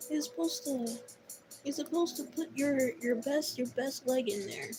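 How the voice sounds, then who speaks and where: A woman's voice: high voice, moderate pace, music in the background, low-quality recording. A woman artist chatting casually and teasingly while she draws, giggling and tripping over repeated words. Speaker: artist streaming a drawing session. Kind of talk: casual chat while drawing.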